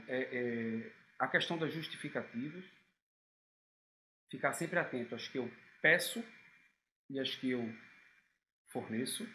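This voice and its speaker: A man giving a reflective talk to listeners in a conversational way, often pausing with fillers and checking in with tag questions. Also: mid-range voice, a bit bright, echoey room, slight background noise, poor audio. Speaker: speaker giving a talk on guilt. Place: room.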